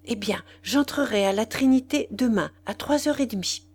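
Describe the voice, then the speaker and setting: A trembling married woman refuses in breathless, faltering phrases, sometimes dropping to a near whisper, as a woman narrator voices her. It is a storybook reading in a somewhat high voice. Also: normal speed, a little mellow, slightly rough. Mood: flustered.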